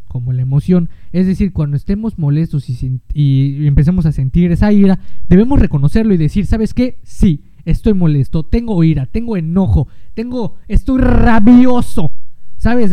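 A man's voice: high voice, clear, resonant tone, lo-fi sound. A Mexican man hosting a casual explanatory talk, chatting directly to listeners and acting out bits of inner dialogue. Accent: Mexican Spanish. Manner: conversational, acts out inner dialogue, frequent fillers.

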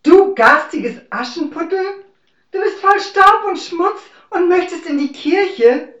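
Lady putting on a nasty stepmom voice, high and swooping, slow scolding, echoey room. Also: lively intonation, a bit bright, muffled recording, full character voice. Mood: scornful. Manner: shrill, scornful, drawn-out scolding. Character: harsh scolding middle-aged stepmother.

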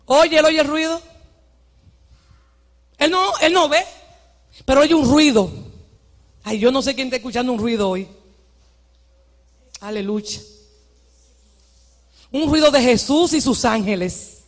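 A woman pastor preaching a fervent sermon, often shouting to urge her congregation on. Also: high voice, lively intonation, measured pace, pauses often. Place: church hall. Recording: long hall reverb.

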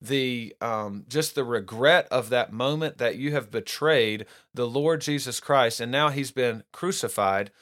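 A man gives a relaxed Bible lesson at a middle pitch. He talks in a loose, conversational way, often restarting his sentences and reading verses aloud between his explanations. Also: a little slow, hardly any pauses. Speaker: preacher. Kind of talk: casual Bible teaching.

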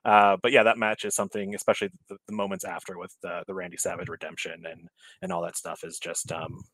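Male guest, 30s, casual rambler full of "um"s, deep voice. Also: flat delivery, quick pace, a bit bright, no room sound, low-quality recording. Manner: rambling, many fillers and restarts. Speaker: podcast guest. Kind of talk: casual chat.

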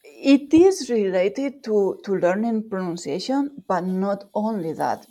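A woman with a Spanish accent and a lowish, warm voice is interviewed as a guest researcher. She explains her work thoughtfully, using fillers, self-corrections and restarts.

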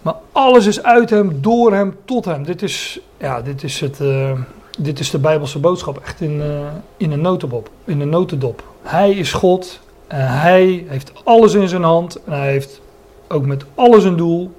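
A man's voice: fairly high pitch, a little slow, darkish tone. Dutch man preaching a Bible sermon. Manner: searching for words, restating phrases; explaining Greek word meanings.

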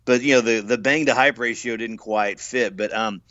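A man's voice: medium pitch, steady tone, moderate pace, fairly bright tone, no echo, dull audio. A man co-hosting a podcast, chatting casually about old movies, recalling trivia eagerly. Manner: enthusiastic, trivia-heavy recall. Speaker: podcast co-host.

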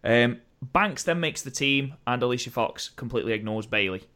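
A man co-hosting a podcast, chatting casually about wrestling in an animated, opinionated way that slides into rants. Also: medium pitch, moderate pace. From United Kingdom. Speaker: podcast co-host.

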